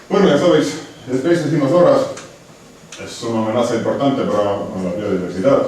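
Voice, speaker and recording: An Estonian conservation researcher with a marked accent presents at a conference in a lecture hall, his male voice on the low side and a little mellow. He sounds hesitant and approachable, restarting words and adding friendly asides. Picked up by a distant microphone, the audio is very echoey with faint noise.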